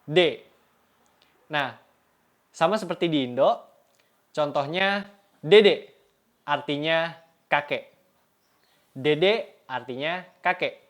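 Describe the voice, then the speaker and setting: A man's voice: a little high, slow, pauses often, fairly bright tone. A young man from Indonesia teaching the Turkish alphabet, saying each letter and example word several times and checking in with "Oke?". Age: young adult. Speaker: Turkish language tutor. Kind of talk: language lesson.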